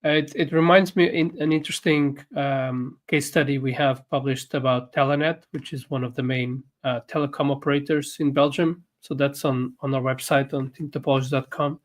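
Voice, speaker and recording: A man from a Portuguese-speaking country, whose first language is Portuguese, co-hosts a casual livestream and runs an online academy. He talks hesitantly with many fillers, in a medium-pitched, steady voice at a moderate pace with few pauses.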